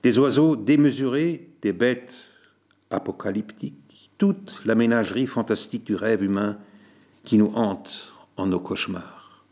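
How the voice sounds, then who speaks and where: A man reading a literary story aloud as narrator, in a measured, deliberate way. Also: on the low side, a little mellow.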